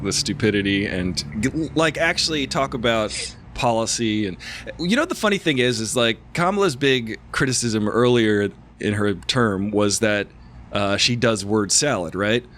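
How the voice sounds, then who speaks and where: A man's voice: on the low side, lively intonation, normal speed, a bit bright, slight background noise. A man co-hosting a casual podcast chat, talking animatedly, laughing often and acting out what others said. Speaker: podcast co-host.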